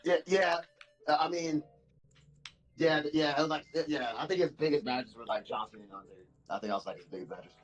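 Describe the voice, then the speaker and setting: A man's voice: fairly high pitch, quick pace, faint music behind, rough recording. A man in a casual stream chat, rambling, repeating himself and swearing often.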